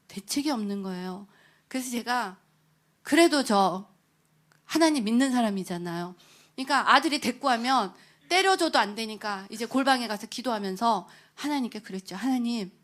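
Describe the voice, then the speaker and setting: Middle-aged woman giving a lively testimony. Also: fairly high pitch. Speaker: deaconess giving a testimony at a prayer meeting. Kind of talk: emotional testimony sermon.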